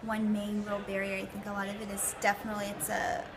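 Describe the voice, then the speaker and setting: A young woman delegate answering in a hesitant, soft way with many fillers. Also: mid-range voice, monotone, fast, background noise. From United States. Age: young adult. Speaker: conference delegate. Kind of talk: interview answers. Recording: loud background music.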